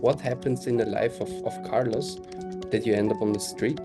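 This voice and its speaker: A man interviewing a guest over a video call, asking gentle questions. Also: lowish voice, fairly even intonation, normal speed, over loud music. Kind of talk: online interview.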